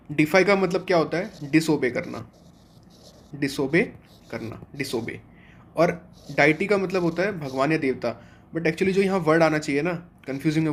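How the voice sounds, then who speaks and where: A man's voice: fairly high pitch, fairly bright tone. A young man teaching an online exam-prep vocabulary class, explaining step by step and asking and then answering his own questions.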